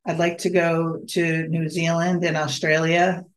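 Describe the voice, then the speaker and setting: A podcast host talks alone in an easy, unscripted way, full of eager feeling. The voice sits at an ordinary middle pitch. Thoughts run on, trail off, and restart mid-sentence. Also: little pitch movement, unhurried. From United States. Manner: enthusiastic, rambling, self-correcting. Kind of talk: casual solo podcast monologue.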